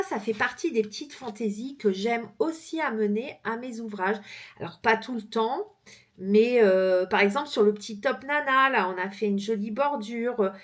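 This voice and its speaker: A woman's voice: on the high side, fairly bright tone. A woman crochet vlogger from France chatting casually as she shows her books, with frequent fillers and easy laughter. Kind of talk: casual chat showing books.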